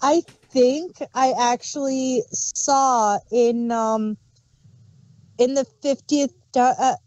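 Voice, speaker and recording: On a podcast about audio dramas, the woman co-hosting talks casually, musing aloud with fillers. Her voice sits high, steady and slow, a little mellow and without echo, though the recording is rough.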